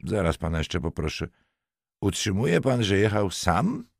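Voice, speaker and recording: A man's voice: sits low, very animated, unhurried, creaky, slightly rough, no echo, studio quality, pitched above the performer's own voice, full character voice. Man doing a stern, mocking police lieutenant. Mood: curt. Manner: curt, mocking, commanding.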